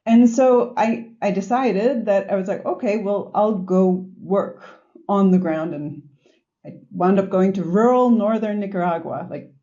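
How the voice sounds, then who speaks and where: Boston-accented woman, 40s, podcast guest; mellow tone, reflective storyteller, lo-fi remote audio. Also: mid-range voice, a little slow. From north of Boston, US. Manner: reflective, storytelling with frequent fillers. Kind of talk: conversational interview answers.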